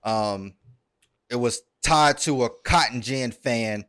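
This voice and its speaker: A man's voice: mid-range voice, slow, fairly bright tone, clear, resonant tone. A man hosting a podcast, retelling a story at length in a casual, earnest way, with many ums and repeated words. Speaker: podcast host.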